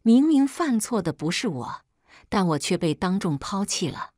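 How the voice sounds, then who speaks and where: A woman narrating a first-person story in a steady, somber scripted style. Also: mid-range voice, normal speed, no room sound, clean studio sound.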